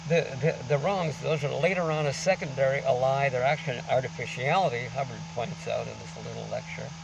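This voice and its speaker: A man speaks through a face mask with a creaky, gravelly voice. He rambles informally like a vlogger, halting and then pressing his points. He is recorded outdoors at some distance from the mic, with very loud background noise. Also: medium pitch. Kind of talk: rambling informal monologue to camera. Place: outdoors on a beach.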